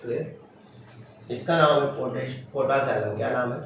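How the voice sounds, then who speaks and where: A man's voice: medium pitch, normal speed. A man teaching chemistry to a class in a firm, strict manner, often checking with short questions. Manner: firm, stern, quizzes students with short questions. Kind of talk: classroom lecture. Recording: echoey classroom from far off, noisy.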